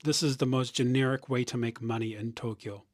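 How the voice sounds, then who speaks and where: A man's voice: medium pitch, steady tone, brisk, no room sound. Rambling man streaming at his desk. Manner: rambling, thinking out loud with restarts; reads viewer comments aloud. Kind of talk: casual live-stream chat.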